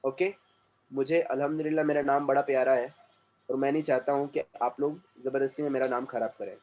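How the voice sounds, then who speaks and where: A man's voice: mid-range voice, fairly even intonation, fast, darkish tone, a little hiss or hum. A man teaching an online English class, mixing Hindi and English, stern and repetitive.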